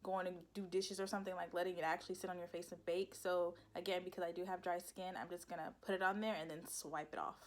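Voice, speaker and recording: A woman's voice: fairly low pitch, flat delivery, fast, few pauses. A young woman, chatting casually through a makeup tutorial, rambling and laughing at her own slips. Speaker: beauty vlogger.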